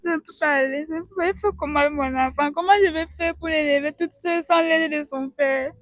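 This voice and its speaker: A crying woman with a very high voice pleads in distress, her words broken by tears. The sound is dry and close, with almost no room around it. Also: fairly even intonation, brisk, no room sound. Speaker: mother of the child. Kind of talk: street interview confrontation.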